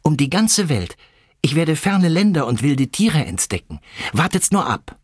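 A man voicing an excited young male mole who dreams of flying, in a children's audiobook. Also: a little slow, husky, no echo, clean studio sound, exaggerated voice. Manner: high, excited shouting.

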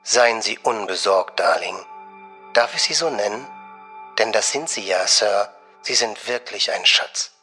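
A man voicing a gushing young female bank secretary, soft and honeyed, sometimes dropping to a whisper. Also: mid-range voice, moderate pace, faint music behind, lightly acted. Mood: purring.

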